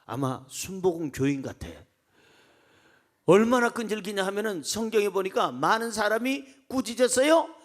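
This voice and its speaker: A pastor with a high-pitched voice preaches a sermon at a moderate pace. He is animated, acting out the voices of crowds and calling on the congregation to read aloud with him.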